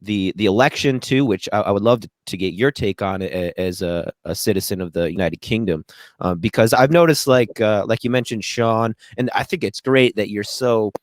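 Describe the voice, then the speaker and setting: A man's voice: lowish voice, moderate pace, no room sound. An American man hosting a podcast over a video call, rambling and hesitant, his audio sometimes breaking up. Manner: rambling, hesitant, many restarts. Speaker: podcast host.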